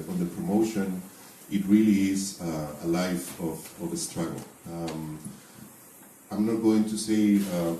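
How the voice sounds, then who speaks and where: A deep-voiced man with a warm tone, an event organizer, gives introductory remarks as host before an audience in an event space. He is halting and hesitant, with many fillers and restarts. The recording has an echoey hall sound, a distant mic and faint noise.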